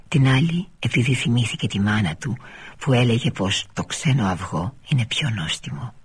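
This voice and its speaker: Very husky man reading a novel. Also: fairly low pitch. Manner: measured, often sinking to a near-whisper. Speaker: reader. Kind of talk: literary novel read aloud on radio.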